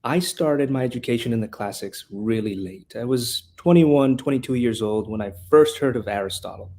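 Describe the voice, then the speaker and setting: With a mellow, mid-range voice at normal speed, a man from Honduras speaks as a podcast interview guest. He heads a classical school and teaches rhetoric, and his delivery is earnest and passionate, with many restarted phrases.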